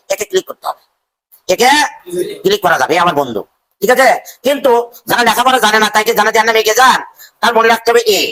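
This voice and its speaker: A male teacher leading a classroom drill, calling out phrases in a slow sing-song and having the class repeat them. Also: very high-pitched. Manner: slow sing-song drilling, stretched words and loud cues. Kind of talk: call-and-response classroom drill.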